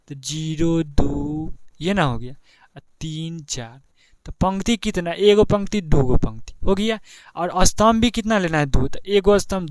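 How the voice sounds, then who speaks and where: A young man with a Bihari Hindi accent teaches a maths lesson in a chatty, repetitive way, checking in with the class again and again. His voice sits a little high and sounds smooth and clear. It is recorded close and dry, with no room sound. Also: no room sound. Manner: chatty, repeats steps, keeps asking "ठीक है ना". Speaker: math teacher. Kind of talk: board exam tutorial.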